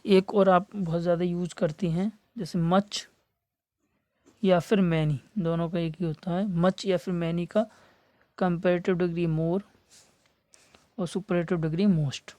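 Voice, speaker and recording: A man teaching a classroom lesson for exam prep, spelling words letter by letter and repeating key terms slowly for emphasis. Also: high-pitched, level tone, a little mellow, no echo. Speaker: English teacher for competitive exams.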